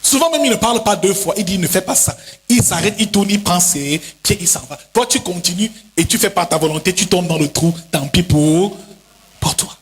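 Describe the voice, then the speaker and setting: A male pastor preaching a sermon in a chanting, sing-song style, now and then breaking into shouted lines and quickly acting out other voices. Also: high-pitched, lively intonation. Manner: acts out voices in quick asides. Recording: long hall reverb.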